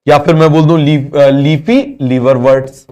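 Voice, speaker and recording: A man's voice: on the high side, fairly even intonation, unhurried, darkish tone. A male teacher giving a biology class, asking constant questions, having students repeat answers, and mixing English terms into Hindi.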